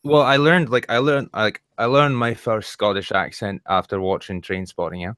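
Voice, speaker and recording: A man's voice: lowish voice, steady tone, normal speed, a bit bright, clean tone, no room sound. A man chatting casually on a stream, rambling and swearing, restarting his sentences often. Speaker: guest voice actor.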